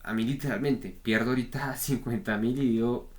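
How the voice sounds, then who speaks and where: A man's voice: mid-range voice, steady tone, fairly quick. A man giving a frank, repetitive spoken lesson on trader psychology, often checking in with the listener. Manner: frank, repetitive, peppers talk with "¿vale?". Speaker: trading coach.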